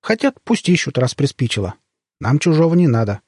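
A cheeky young woman with a raised, bright voice, as a male storybook reader puts her on, snapping back with bold, mocking quips. Her husky edge stays under the high tone, and the sound is dry and close to the mic. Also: big pitch swings, dry recording. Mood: sassy. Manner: bold, quick-witted, mocking. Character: brash, sleepy, sassy young woman.

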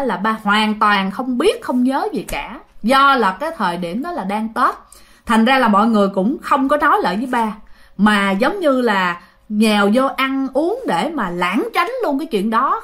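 Southern vietnamese lady telling a ghost story, chatty, talks right to listeners, kinda high voice. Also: fairly bright tone. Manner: chatty, addresses listeners directly.

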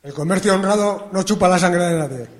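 An actor playing a self-righteous, aggrieved shopkeeper in a radio drama, scornful of the mob. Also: male voice, sits high, a little fast, lightly acted. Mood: indignant. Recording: reverberant hall.

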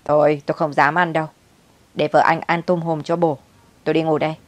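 A woman's voice: deep voice, flat delivery, fairly quick, dry recording, close to an everyday voice. A woman doing a sarcastic mother-in-law. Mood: sulky. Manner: needling, sarcastic.

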